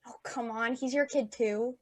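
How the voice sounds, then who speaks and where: A woman's voice: on the high side, steady tone, normal speed, lightly acted. An actress playing Robin, a giddy, theatrical, somewhat anxious mother, in a play reading over a video call. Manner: bubbly, flustered, playful.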